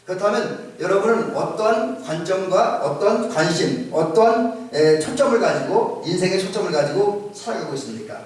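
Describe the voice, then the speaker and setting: A male pastor giving a conversational sermon with frequent pauses and restarts, in an echoey church recording from a distance. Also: high voice, expressive, a little mellow. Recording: echoey church sound from far off.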